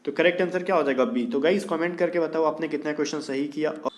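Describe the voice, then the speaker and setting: A man's voice: fairly high pitch, fairly even intonation, fast. A man teaching vocabulary for an exam in a casual way, often checking whether students understand. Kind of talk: explaining vocabulary answers to students.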